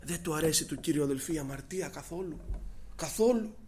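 A man preaching a sermon, often calling out to his brothers and swinging between hushed, quiet passages and raised, emphatic ones. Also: a little high, animated, a little hiss or hum.

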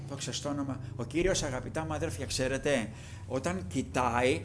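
A man preaching a sermon, addressing his listeners as brothers, rising to loud, impassioned declamation when he quotes scripture. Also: on the high side, a little hiss or hum. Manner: frequent fillers and restarts, addresses listeners as brothers.

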